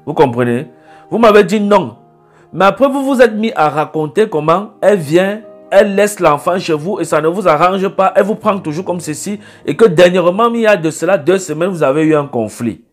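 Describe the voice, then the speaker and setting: A man's voice: high-pitched, animated, fairly quick, soft background music. A man acting as a prophet in a call-in consultation, scolding the caller insistently and repeating himself.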